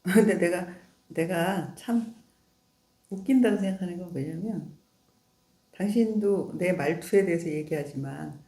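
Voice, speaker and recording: A woman's voice: fairly low pitch, measured pace, long pauses, warm tone. Chatty woman in a roomy echo. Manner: teasing, laughs often, asks "응?" to check. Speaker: wife in a couple's talk. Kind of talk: casual chat.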